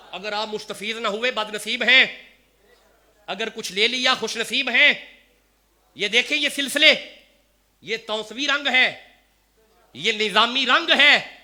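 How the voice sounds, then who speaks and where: In a high voice, a man delivers an impassioned sermon at a mosque gathering. He shifts between hushed storytelling and loud declaiming.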